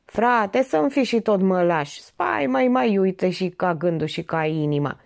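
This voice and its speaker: A woman's voice: medium pitch, expressive, creaky, a little mellow. Woman voicing a trembling frightened beggar. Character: frightened paralyzed male beggar. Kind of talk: audiobook character reading.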